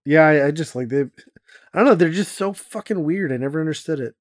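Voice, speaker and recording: A young man co-hosting a casual chat, blunt and quick to swear, laughing often. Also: a little high, dry recording, clean studio sound.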